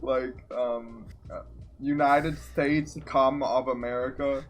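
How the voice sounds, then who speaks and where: A man's voice: mid-range voice, fairly even intonation, slow. A young man co-hosting a comedy podcast, joking crudely and laughing often over faint background music. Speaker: podcast co-host. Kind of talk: casual comedic chat.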